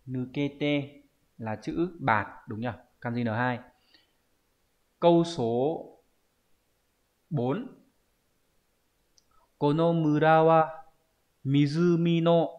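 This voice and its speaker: Man, vietnamese accent, teacher going through exam answers, checks in with viewers, slightly dull lo-fi sound. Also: on the high side. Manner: explanatory, asks rhetorical checks often. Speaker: Japanese teacher. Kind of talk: online exam walkthrough lesson.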